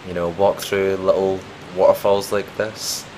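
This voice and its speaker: Young dude doing a let's play, low voice, chatty and rambly, pokes fun at himself. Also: male voice, flat delivery, measured pace, darkish tone, slight background noise. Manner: chatty, rambling, self-mocking. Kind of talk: casual gameplay commentary.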